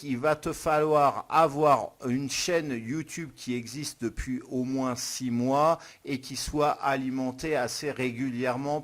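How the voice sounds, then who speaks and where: A man hosting a step-by-step software tutorial, talking the viewer through each click in an informal, direct way. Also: a little high. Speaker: YouTube tutorial host. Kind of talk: screen-recorded software tutorial. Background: soft guitar music.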